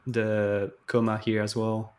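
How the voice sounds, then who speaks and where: A man's voice: fairly low pitch, completely flat delivery, takes it slowly. A man hosting a live stream, casually walking through code and thinking aloud in a tentative, chatty way over a video call. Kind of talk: casual coding walkthrough.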